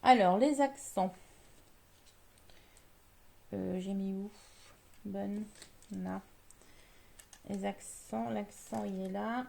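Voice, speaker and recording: A woman's voice: mid-range voice, fairly even intonation, extremely slow, gravelly, pauses often, warm tone, a little hiss or hum. A woman chatting through a live card-making demo, explaining each step as she works and answering viewers.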